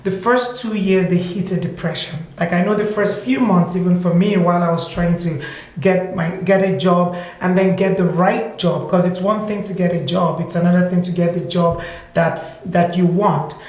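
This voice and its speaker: A woman's voice: on the low side, moderate pace, darkish tone. A woman hosting a casual discussion, conversational and prompting her guest with questions. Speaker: host. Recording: very echoey room.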